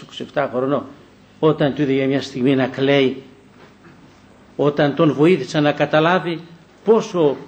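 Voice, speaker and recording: An older man, an Orthodox bishop, preaching a sermon and telling stories with acted-out dialogue and emphatic repetition. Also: mid-range voice. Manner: storytelling, acts out quoted dialogue, emphatic repetitions. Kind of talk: sermon with anecdotes.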